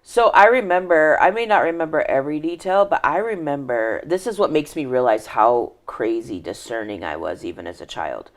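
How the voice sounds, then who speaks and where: A woman's voice: low voice, expressive, normal speed, hardly any pauses. A woman telling her personal life story in an interview, earnest and reflective, often trailing off and restarting her sentences. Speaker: podcast guest.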